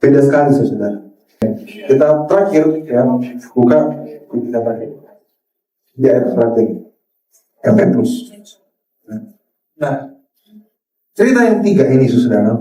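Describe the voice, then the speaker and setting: A man preaching a lively sermon, mixing in English phrases and acting out quoted dialogue with sudden high-pitched jumps. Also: measured pace, long pauses. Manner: mixes English phrases into Indonesian, addresses the crowd as saudara. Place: church hall. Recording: echoey church hall from far off.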